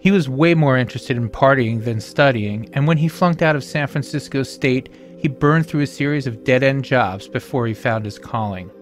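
A man's voice: medium pitch, soft background music. Solemn male documentary narrator. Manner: measured, solemn delivery with emphatic rises. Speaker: podcast host and narrator.

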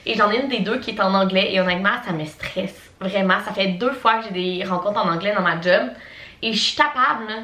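A woman's voice: medium pitch, brisk, sharp tone. Chatty Québécois woman vlogger in her twenties. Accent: Québécois French. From Quebec, Canada. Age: 20s. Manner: chatty and rambling, heavy on fillers. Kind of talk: casual chat to camera.

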